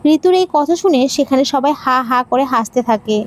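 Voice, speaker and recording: A woman narrating an emotional audio story in a plain, steady storytelling manner. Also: sits high, normal speed.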